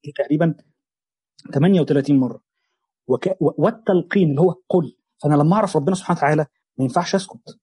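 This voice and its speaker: A young man with an Egyptian Arabic accent giving a religious lesson on a chapter of the Quran, explaining quickly in colloquial speech and weaving in quoted verses. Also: on the high side, dark tone, slightly rough, no echo. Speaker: Quran teacher.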